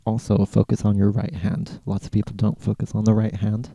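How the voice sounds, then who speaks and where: A man's voice: lowish voice, completely flat delivery, fairly quick, vocal fry, warm tone, no room sound. An American man from California, hosting a podcast and casually answering listener questions in a laid-back, rambling way. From California, USA. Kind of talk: casual Q&A chat.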